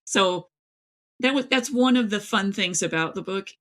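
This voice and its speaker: A middle-aged woman from East Tennessee in the United States, an author appearing as an interview guest, speaks at a moderate pace in a medium-pitched, fairly bright voice. Her talk is casual and chatty but emphatic, and she tells her stories in a rambling way.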